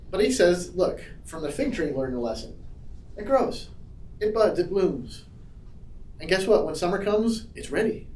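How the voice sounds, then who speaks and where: A man teaching an adult Sunday school class in casual, animated talk, acting out quotes in shifting voices. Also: sits high. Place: church classroom. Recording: roomy echo from far off.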